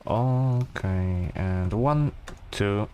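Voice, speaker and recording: A man talks slowly through his gameplay. His commentary is relaxed and rambling, full of fillers and restarts, recorded at home on a desk mic with faint noise underneath. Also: lowish voice. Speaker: gameplay streamer.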